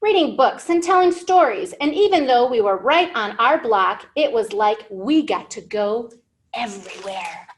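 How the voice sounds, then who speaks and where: A woman's voice: fairly high pitch, lively intonation, measured pace. A woman reading the part of a young schoolgirl earnestly telling her story in a storybook.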